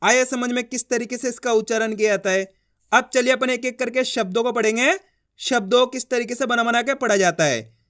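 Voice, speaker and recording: A man teaching a reading lesson step by step, drilling with repeated questions and answers and stretching syllables out slowly. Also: extremely high pitch, fairly bright tone.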